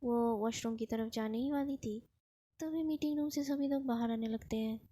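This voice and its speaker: A woman's voice: on the high side, steady tone, normal speed, warm tone, slight background noise. A woman narrating a romance story in a casual, chatty way, mixing in many English words.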